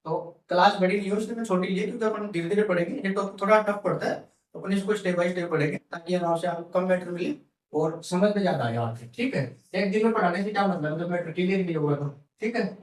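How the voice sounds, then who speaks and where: A man teaching a lesson, his voice high for a man. He drills each word by repeating it and answers his own questions. He sounds echoey and far from the mic. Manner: repeats words slowly, asks questions and answers them himself. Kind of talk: classroom lesson.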